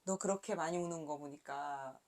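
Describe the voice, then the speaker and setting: Soft-spoken woman reading a picture book. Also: low voice, normal speed. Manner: soft-spoken, gentle reading with frequent light laughs. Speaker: picture book author guest. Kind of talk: reading a picture book aloud, then interview chat.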